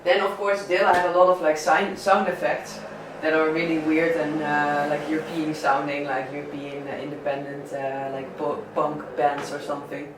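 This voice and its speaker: Man with a southern Dutch accent, relaxed record talk full of fillers; slightly high pitch, recorded at a distance in a reverberant room with faint noise. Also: normal speed, hardly any pauses. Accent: Dutch, southern Brabant. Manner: hesitant, many fillers and restarts. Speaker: DJ and record selector. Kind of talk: casual talk about favourite records. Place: indoor listening session. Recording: echoey room, mic at a distance.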